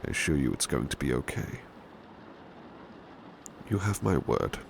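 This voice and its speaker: A man performs a gentle, devoted British butler for a soft-spoken ASMR roleplay, speaking a little slowly with a very animated, exaggerated delivery. His very deep, gravelly tone drifts into breathy whispers, courteous and formally old-fashioned, meant to soothe and reassure. Rain ambience plays behind a clear recording.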